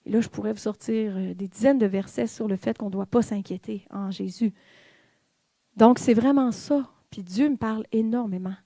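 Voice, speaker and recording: Speaking at a moderate pace in a medium-pitched, creaky, dark voice, a woman shares her personal testimony with a church in Quebec. Her Québécois French accent comes through as she confides candidly, straight to the congregation. There's no room sound.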